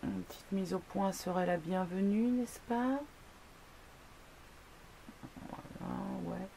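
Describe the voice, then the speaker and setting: A woman's voice: medium pitch, unhurried, dark tone, slight background noise. A woman vlogging a casual product review, chatty, with many fillers, asides and self-mocking jokes. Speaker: beauty blogger.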